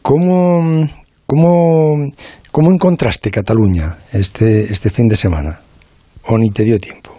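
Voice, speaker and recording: A man's voice: mid-range voice, steady tone, slow, warm tone, no room sound, studio quality. A man interviewing a guest, asking questions in a casual, colloquial way and chiming in often. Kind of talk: conversational interview.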